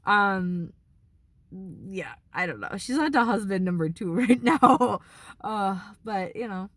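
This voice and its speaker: A woman vlogging from her car in a casual, rambling monologue, swearing freely, filling every pause with "like" and slipping into heated rants. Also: mid-range voice, expressive, no echo. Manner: rambling and profane, heavy use of "like"; heated ranting. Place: inside a car.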